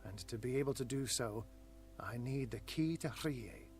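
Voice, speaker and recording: An actor playing an aloof male occultist in a video game, speaking in a haughty, measured and condescending way. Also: medium pitch, darkish tone, natural voice. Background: game music.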